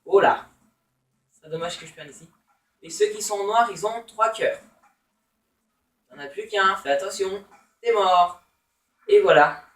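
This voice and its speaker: A man's voice: high-pitched, a little slow, pauses often, a bit bright, echoey room, distant mic, low-quality recording. A man giving casual, playful let's-play commentary, teasing opponents with taunts and exclamations. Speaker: gamer.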